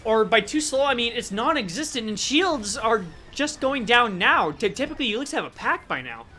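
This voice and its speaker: An American esports caster commentating a match, playful and quick to laugh. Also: mid-range voice, sing-song, bright, forceful tone, a little hiss or hum. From USA. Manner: joking, easily laughing, playful.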